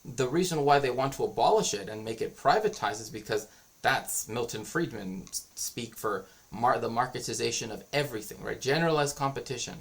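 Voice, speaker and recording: A man's voice: mid-range voice, animated, a little fast, creaky, breathy edge. Man rambling through an opinionated stream. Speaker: streamer and cultural historian. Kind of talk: casual livestream monologue.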